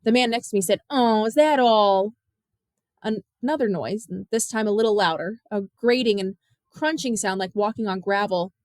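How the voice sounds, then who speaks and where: A woman reading a novel aloud in measured, expressive storytelling narration. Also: medium pitch, dry recording, studio quality. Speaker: audiobook narrator. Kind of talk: scripted narration.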